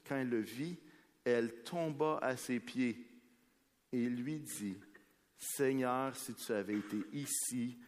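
A man with a Québécois French accent preaching a sermon, reading scripture slowly and then commenting with rising intensity and light jokes to the congregation. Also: mid-range voice. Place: church hall before a congregation. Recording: long reverb of a large hall.

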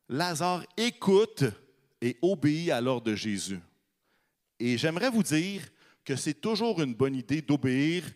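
Lively Québécois preacher with hall echo. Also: male voice, on the high side. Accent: Québécois French. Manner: animated, asks the audience questions. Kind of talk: conversational sermon with Bible reading. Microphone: microphone.

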